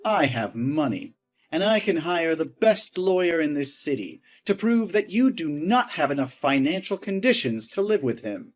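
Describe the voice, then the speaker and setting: A man's voice: on the high side, sing-song, faint music behind. An actor playing a domineering, wealthy husband who talks down to his wife with boastful scorn. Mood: scornful. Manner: boastful, scornful, quick to rage.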